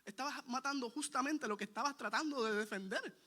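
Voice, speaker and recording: A man's voice: very high voice, brisk, sharp tone. A man preaching a sermon in an earnest, emphatic way, repeating his points and putting questions straight to the congregation.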